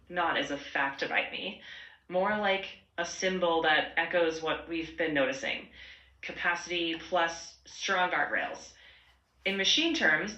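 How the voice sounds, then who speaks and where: A woman's AI assistant voice, low-pitched yet bright and forward. It answers in measured, concise, reflective phrases. The playback rings with clear room echo. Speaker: AI chatbot voice assistant. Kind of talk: conversational assistant replies.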